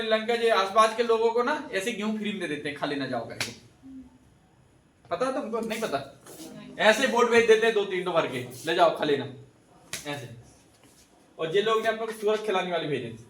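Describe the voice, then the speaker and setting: A man's voice: sits high, normal speed, fairly bright tone, slight background noise. A man teaching a classroom, quizzing his students and repeating their answers back to them. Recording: echoey room, voice from a distance.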